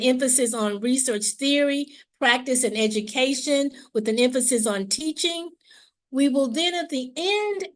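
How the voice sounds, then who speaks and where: A woman with a somewhat high voice opens an academic webinar as moderator. She speaks in a formal, measured way, like a prepared presentation, and comes back to the same points to stress them. It sounds like a video call microphone. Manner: formal and measured, repeats key points for emphasis.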